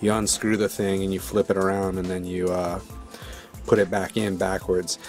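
A man giving a relaxed, rambling voice-over about his video, full of fillers and restarts. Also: deep voice, moderate pace, faint music behind. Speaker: video maker. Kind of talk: casual voice-over commentary.

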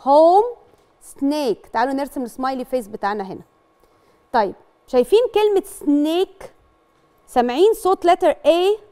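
A woman's voice: sits high, lively intonation, brisk, long pauses, warm tone. A woman with an Egyptian Arabic accent teaching young pupils English, sounding out words carefully and switching between Arabic and English as she encourages them. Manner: encouraging, addresses pupils directly. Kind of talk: classroom lesson for children.

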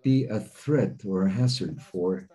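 In a remote webinar, a man with a deep, slightly rough voice gives simultaneous interpretation of the talks. He stays steady and measured, with occasional hesitation.

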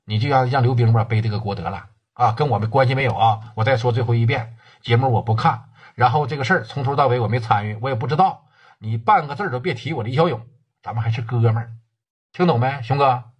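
A man's voice: medium pitch, quick pace, husky, dull audio, natural voice. A man voicing a slick, evasive man who pushes the blame away and repeats himself to drive the point home. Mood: insistent.

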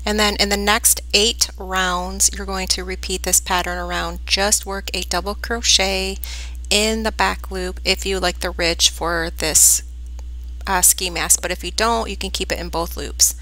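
Bright-voiced woman counting stitches. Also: medium pitch, a little slow, rough recording. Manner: calm, counting stitches aloud. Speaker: crochet instructor. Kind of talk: step-by-step tutorial narration.

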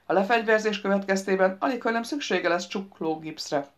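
A woman reading an audiobook, voicing a calm man who answers dryly and matter-of-factly. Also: mid-range voice, natural voice. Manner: dry, matter-of-fact. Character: dry, calm male trainer, unflappable.

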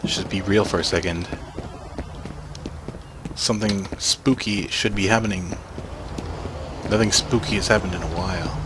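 A young man commenting casually on a game he is playing, joking and swearing in excited outbursts. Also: deep voice, moderate pace, long pauses, noisy background. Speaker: gaming channel host.

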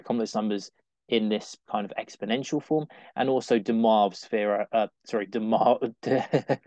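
A man's voice: medium pitch, darkish tone, no room sound. A young British man, a maths tutor, talking through a lesson in a casual, rambling way, often correcting himself with small laughs. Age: young adult.

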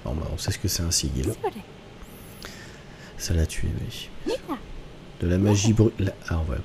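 Low-voiced man streaming a game. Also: expressive, normal speed, background noise. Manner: joking, rambling, chatty with viewers. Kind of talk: casual live gameplay commentary.

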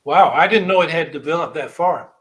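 An older man hosts a podcast as a casual livestreamed interview, talking with a guest over a video call through his webcam. His voice is a little high and a bit bright, and he speaks briskly, asking engaged, thoughtful questions.

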